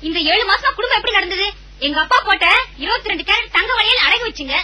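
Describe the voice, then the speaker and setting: A woman playing a sharp-tongued, fed-up housewife who answers her broke husband with sarcastic retorts, in a comedy audio drama. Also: extremely high pitch, lively intonation, quick pace, a little hiss or hum, heavily acted. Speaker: wife.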